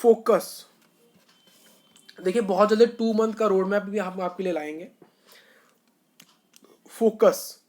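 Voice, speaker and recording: A man talking to camera as an online tutor, coaching school students on how to study. His delivery is earnest and repetitive, informal rather than polished, with loud stressed points and softer asides. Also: high voice, steady tone, slow, long pauses. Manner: earnest and repetitive, often saying "bhai sahab". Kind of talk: motivational study-advice talk to camera.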